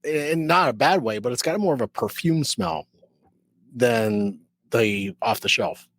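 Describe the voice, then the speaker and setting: A man's voice: mid-range voice, expressive, unhurried, fairly bright tone. A man co-hosting a casual whiskey tasting podcast, easygoing and agreeable, searching for the words to describe flavors. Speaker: podcast co-host.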